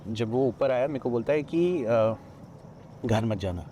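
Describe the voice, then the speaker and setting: A man from Odisha recounts his own ghost story as a podcast guest, acting out the other people's lines as he goes. His voice is mellow and mid-pitched. A faint outdoor hum sits behind him. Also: expressive, a little slow. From Odisha, India. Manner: narrates with many quoted lines of dialogue, frequent restarts. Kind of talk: retelling a personal ghost story. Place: outdoors at a riverside ghat.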